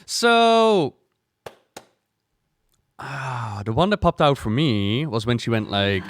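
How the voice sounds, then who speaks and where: This man hosts a gaming reaction video, speaking at a medium pitch and a slow pace. He talks casually and retells events in an animated way, repeating things for emphasis.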